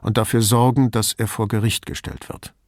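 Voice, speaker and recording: A man voicing a tactful middle-aged male police commissioner in an audiobook, speaking in a polite, measured way. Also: lowish voice, steady tone, darkish tone, no echo, studio quality, close to an everyday voice.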